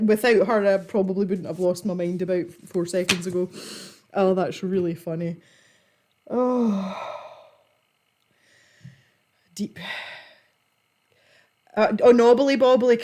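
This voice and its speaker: A giggly Scottish woman hosts a livestream, chatting informally and casually to her live audience. Her voice is mid-range and mellow.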